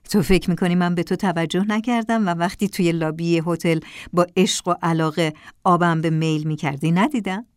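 A woman's voice: on the low side, fairly even intonation, clear, resonant tone, no echo, studio quality, lightly acted. A woman voicing an attentive, charming divorced man on a trip, asking playful, curious questions. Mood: teasing.

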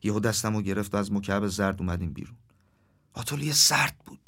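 Calm man narrating a dreamlike story. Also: lowish voice.

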